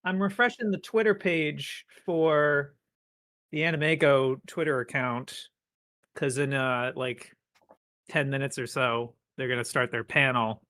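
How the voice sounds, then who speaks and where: A man's voice: medium pitch, measured pace, bright, forceful tone, no room sound, clean studio sound. A man hosting a podcast in casual chat on a live video call, rambling and laughing between thoughts. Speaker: podcast host. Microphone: computer mic on a call.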